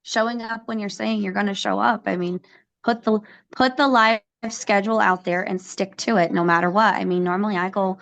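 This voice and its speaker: A woman's voice: mid-range voice, fairly even intonation, a little fast, creaky, a bit bright. A woman taking part in a live coaching session, talking casually and laughing as she answers the coach. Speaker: coaching participant. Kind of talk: casual chat.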